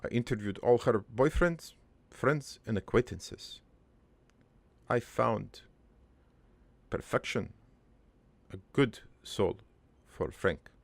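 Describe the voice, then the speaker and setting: In an improvised first-person cartoon monologue, a man plays a gravelly old father recounting his life from beyond the grave, rambling haltingly with crude deadpan jokes and a wistful, doting side. His heavily creaking, fairly low, exaggerated voice moves unhurriedly and sounds close and dry with no echo, carrying a fond, sly mood.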